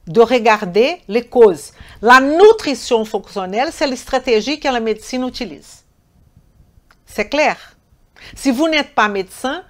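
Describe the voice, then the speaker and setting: A woman with a foreign accent teaching a live online nutrition class. She talks emphatically, repeats words and corrects herself, and answers chat questions directly. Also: fairly high pitch. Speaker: nutrition trainer.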